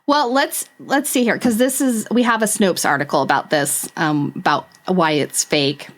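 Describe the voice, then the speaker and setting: A woman's voice: on the low side, normal speed. A woman co-hosting a podcast in casual chat, laughing often as she reads out articles. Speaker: podcast co-host.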